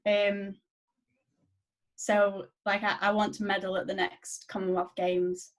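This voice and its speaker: A woman of twenty-one from England, a guest on a podcast, chatting in a relaxed, modest way and laughing often. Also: medium pitch, slow. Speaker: guest weightlifter. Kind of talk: casual podcast chat.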